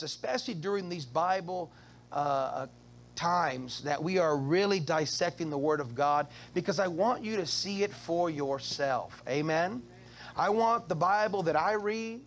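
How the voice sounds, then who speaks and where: A pastor leads a midweek church service in a high tenor voice. He preaches in a call-and-response style, asking the congregation for an amen and breaking into sudden high-pitched shouts of praise. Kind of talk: Wednesday evening sermon.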